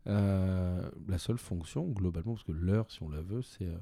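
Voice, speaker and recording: Hesitant low-voiced man, warm tone. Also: normal speed, gravelly. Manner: hesitant, many restarts, laughs easily. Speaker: executive director of a watch brand, guest. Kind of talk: podcast interview answers.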